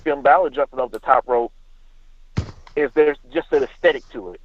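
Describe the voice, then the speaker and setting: A man calls in to a talk show and argues his point bluntly, cursing freely and stumbling over restarts. His voice sits at an ordinary pitch. The call comes through a dull, lo-fi line. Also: normal speed. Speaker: caller. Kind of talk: call-in radio chat.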